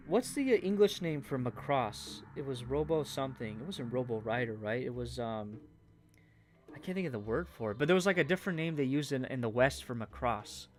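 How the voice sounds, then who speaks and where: A Canadian-accented man with a mid-range voice chats casually on a stream while building a Lego set, rambling with fillers and trailing off as he tries to remember things. Faint game music plays, and there's a little hiss or hum.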